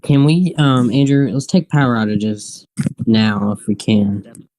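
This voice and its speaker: A man hosting an unscripted live weather stream, thinking aloud in a halting, repetitive way. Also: medium pitch, dark tone, low-quality recording.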